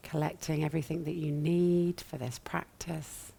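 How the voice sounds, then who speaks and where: Her voice is low and mellow, with little pitch movement and a gentle creak that eases into her patient instruction. This yoga nidra meditation teacher talks softly, sometimes breathily, pausing at length after each brief phrase.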